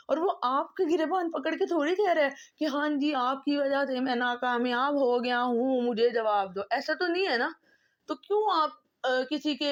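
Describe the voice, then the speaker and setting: A woman's voice: high-pitched, muffled recording. Emotional, pleading woman vlogger. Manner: impassioned, pleading, repetitive emphasis. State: emotional, close to tears. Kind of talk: emotional monologue to camera.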